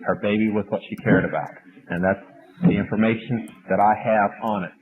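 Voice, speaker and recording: A man lecturing an audience and taking questions in a matter-of-fact, flat delivery, heard on an old archive recording. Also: on the low side, a little fast. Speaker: speaker at a question session. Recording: old tinny archive recording with faint hiss.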